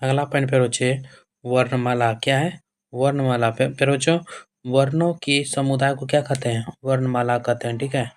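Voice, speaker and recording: A male teacher with a medium-pitched, fairly even voice speaks at normal speed while giving a board-exam grammar lesson. He repeats himself, fondly calls his students dear children, checks in with "okay," and asks questions only to answer them himself.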